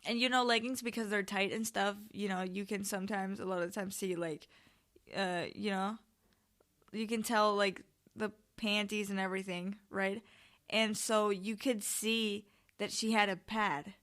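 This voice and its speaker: A woman's voice: medium pitch, steady tone, normal speed, fairly bright tone. A woman hosting a podcast in a casual, chatty way, telling personal stories in informal, rambling, sweary monologue. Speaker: podcast host.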